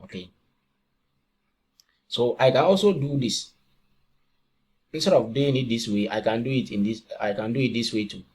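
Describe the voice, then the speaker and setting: A man's voice: mid-range voice, normal speed, long pauses, darkish tone, husky. A man from Ghana teaching a beginner coding lesson, walking through each step and asking himself questions before answering them. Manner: talks step by step, asks and answers own questions. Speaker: programming tutor. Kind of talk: screen-recorded coding tutorial.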